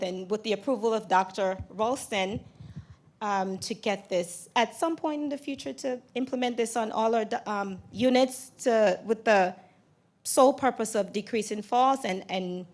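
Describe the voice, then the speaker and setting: A woman speaks at a podium as a nurse presenter. Her voice is raspy from a cold and sits at a medium pitch. She sounds nervous and pauses hesitantly as she explains, talking into a handheld mic. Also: darkish tone. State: raspy voice from getting over a cold. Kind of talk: conference presentation. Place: lecture room at a podium, indoors. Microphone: handheld microphone.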